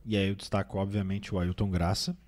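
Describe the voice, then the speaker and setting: A man's voice: low-pitched, a little fast. Nasal man reviewing films. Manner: relaxed, rambling with restarts. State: recovering from a cold. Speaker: film critic. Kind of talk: casual film review chat.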